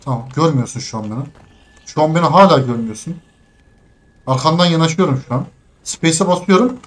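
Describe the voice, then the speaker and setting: A young man playing a game and commenting as he goes, cursing and laughing at the controls, muttering quietly while sneaking. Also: fairly high pitch, quick pace. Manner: exasperated, swearing at the game's controls, laughing. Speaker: gaming streamer. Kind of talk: let's play commentary.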